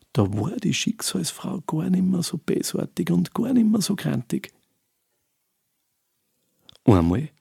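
A man's voice: on the high side, creaky, a little mellow, husky, dry recording, clean studio sound. A man telling a folk tale in a homely way, with casual fillers. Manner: dialect-tinged, homely narration with fillers. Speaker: storyteller.

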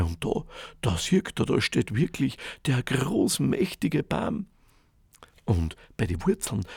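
Guy telling a fairy tale, super gravelly, husky, dry close recording. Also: medium pitch, dry recording. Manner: dramatic, with drawn-out words and hushed asides. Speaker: storyteller. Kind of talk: oral fairy-tale storytelling.

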